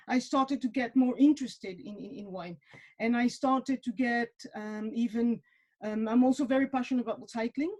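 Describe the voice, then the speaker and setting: A wine industry professional in her forties from Mexico speaks casually as a webinar guest, using many fillers and repeating words. Her voice is a little high with a dark tone, and the recording quality is low.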